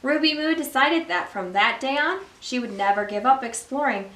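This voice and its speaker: A high-voiced woman hosting library story time reads a children's storybook aloud, phrasing things expressively and deliberately for young listeners. The sound is roomy and echoey, captured from a distant microphone.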